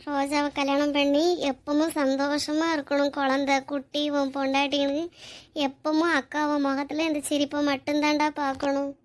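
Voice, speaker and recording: A woman's voice: high voice, monotone, moderate pace, close to an everyday voice. A woman voicing a loving, motherly elder sister and wife in a cartoon drama, with an affectionate, emotional manner. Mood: tearful, loving. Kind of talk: Tamil cartoon drama voice acting.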